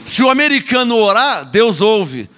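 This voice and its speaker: High bright-voiced scolding Brazilian preacher. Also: male voice, very animated, normal speed. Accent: Brazilian Portuguese. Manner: scolding, sarcastic, with mocking asides and repeated words. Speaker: apostle preaching. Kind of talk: sermon.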